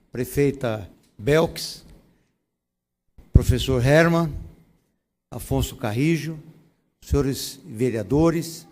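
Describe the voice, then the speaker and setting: A man, a state legislator, giving a measured, oratorical ceremonial speech in a council chamber. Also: mid-range voice, darkish tone.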